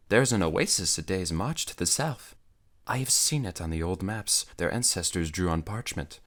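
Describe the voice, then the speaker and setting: A cool, worldly young noblewoman, read by a man, calm and knowing as she tells of terrible things. The voice stays low and unhurried, in audiobook narration. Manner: calm, matter-of-fact storytelling of dread. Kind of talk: audiobook character voice.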